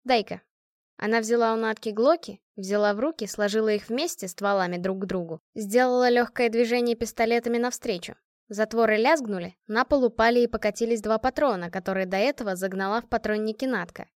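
A woman reading an action audiobook aloud, with an even storytelling delivery. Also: a little high, a little fast, no room sound, clean studio sound. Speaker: audiobook narrator. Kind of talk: audiobook reading with character voices.

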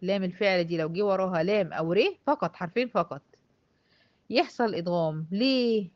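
A woman with an Egyptian Arabic accent teaching a tajweed lesson. She explains step by step, asks and answers her own questions, and slowly draws out the example words. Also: medium pitch, no room sound, dull audio. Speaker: Quran recitation teacher.

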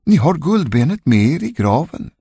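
A man's voice: on the high side, sing-song, warm tone, slightly rough, no echo, studio quality, voice pushed up, full character voice. A man voicing a polite young lady's maid who speaks to a ghost in a spoken ghost story. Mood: prim. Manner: prim, polite.

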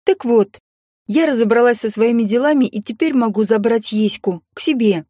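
A man's voice: very high-pitched, moderate pace, dark tone, dry recording, clean studio sound, pitched above the performer's own voice. A man reading an audiobook voices a brazen, scheming young mother with a sly, mocking, venomous manner.

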